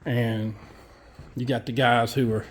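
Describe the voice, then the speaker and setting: A man's voice: medium pitch, flat delivery, a little slow. A man, a construction worker giving a casual walkthrough of a building site, blunt and profane as he tells his story.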